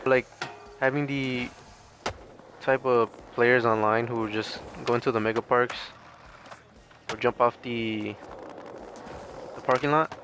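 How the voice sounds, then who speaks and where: Speaking slowly and pausing often, this male gaming creator offers loose, hesitant play-by-play with fairly even intonation at a medium pitch. His slightly bright voice carries a mild strain, like he's losing it, and there's slight background noise.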